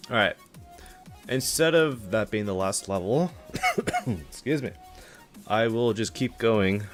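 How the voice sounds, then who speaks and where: A young man with a low, deep voice chats offhand as a streamer, judging game levels with dry sarcasm and lots of ums and likes. Faint game music plays behind him, and keyboard typing is picked up by his desk mic. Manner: relaxed, offhand, with filler words and dry sarcasm. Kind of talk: casual live-stream commentary.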